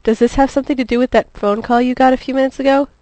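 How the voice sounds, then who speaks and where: A mild-mannered, earnest male reporter, voiced by a woman reading her fan fiction aloud. He speaks gently and sounds a little flustered. The recording is dry and close. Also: high voice, steady tone, very fast, no room sound, voice pushed up, close to an everyday voice. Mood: confused.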